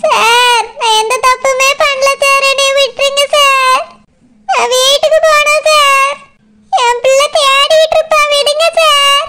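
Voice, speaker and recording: A woman's voice: very high voice, steady tone, moderate pace, bright, forceful tone. A woman voicing a middle-aged village mother, locked in jail, who sobs and pleads with a Tirunelveli Tamil accent. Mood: pleading. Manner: wailing, pleading, sobbing. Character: jailed village mother, middle-aged, sobbing, self-pitying. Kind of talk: cartoon voice acting.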